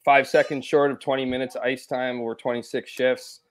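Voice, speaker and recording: A man's voice: medium pitch, little pitch movement, moderate pace. A man, chatting casually about hockey on a video call, rambling with many restarts. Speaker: podcast co-host. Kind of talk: casual sports chat.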